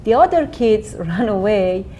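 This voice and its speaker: An actress playing an earnest immigrant mother who pleads her own case in a courtroom drama, speaking deliberately. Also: mid-range voice, animated, dark tone, slight background noise, close to an everyday voice. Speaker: actor playing a defendant. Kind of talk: acted courtroom drama dialogue.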